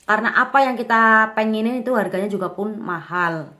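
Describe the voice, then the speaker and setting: A young woman in her twenties talks straight to the camera as a vlogger. She tells her own story in a candid, relaxed way, with plenty of casual fillers. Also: a little high, brisk. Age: 20s. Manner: chatty, candid, lots of fillers.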